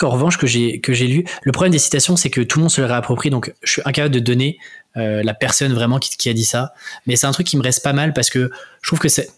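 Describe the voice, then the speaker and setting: A man in his twenties speaks as a guest in a casual interview. His voice sits at a middle pitch, and he hesitates often, filling pauses with fillers. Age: 20s. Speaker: guest entrepreneur.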